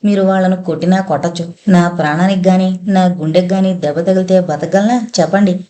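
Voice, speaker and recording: A woman's voice: fairly low pitch, steady tone, a little fast, warm tone, natural voice. A woman voicing a tearful young wife who pleads with her husband in an apologetic way, in a storybook reading. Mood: tearful pleading.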